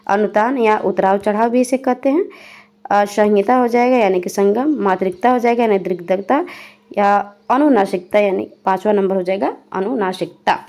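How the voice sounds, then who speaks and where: A woman's voice: mid-range voice, normal speed, darkish tone. A young woman teaching a Hindi grammar lesson for exam prep, reading each definition and then explaining it again in plain words. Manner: spells out examples one by one.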